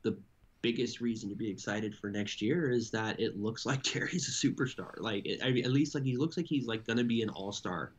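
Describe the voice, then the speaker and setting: Low-voiced man rambling about hockey. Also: fairly quick, breathy edge. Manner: rambling, restarts, laughs mid-sentence. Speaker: sports podcast co-host. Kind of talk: casual chat.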